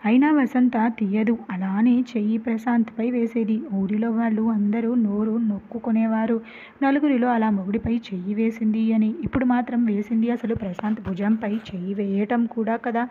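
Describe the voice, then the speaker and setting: A woman's voice: fairly high pitch, normal speed, husky. Woman narrating a story over a phone-like line. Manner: steady, emotive storytelling. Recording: tinny phone-like recording with faint noise.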